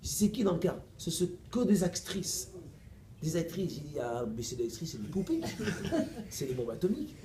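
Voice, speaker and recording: A middle-aged man, a preacher, tells a lively story to his audience, playful and animated, acting out every exchange. His voice sits a little high but stays warm and mellow. The echoey hall carries a faint background hum. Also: moderate pace. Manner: animated, playful, laughs often, acts out dialogue. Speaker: preacher giving a lecture. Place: mosque. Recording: echoey room recording with faint ambience.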